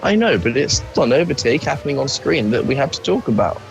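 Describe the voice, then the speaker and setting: A man's voice: mid-range voice, very animated, fast, vocal fry. A man co-commentating a sim race, laid-back, teasing and sweary. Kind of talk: casual sim-racing commentary. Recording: music playing behind.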